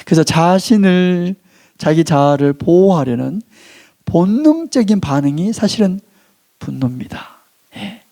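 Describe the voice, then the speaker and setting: In church, a male pastor delivers a sermon in a slightly high, gravelly voice with lively rises and falls and a mellow, warm tone. He stretches key phrases slowly before letting his voice sink, and leads the congregation in call-and-response reading.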